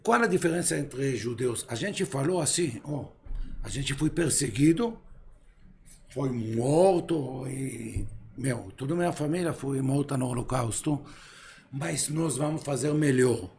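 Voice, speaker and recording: A man's voice: medium pitch, a little slow, darkish tone. A man born in Israel, a guest philosopher speaking casually in an interview, hesitant and full of fillers as he searches for words in a language that is not his first. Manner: hesitant, filler-heavy, broken Portuguese. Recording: faint background noise.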